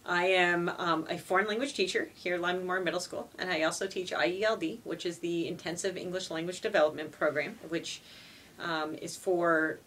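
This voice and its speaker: A woman with a low-leaning, fairly bright voice speaks over slight background noise. She is a native French speaker from Montreal, Canada, answering interview questions as a foreign language teacher in an earnest way, sprinkling in "you know."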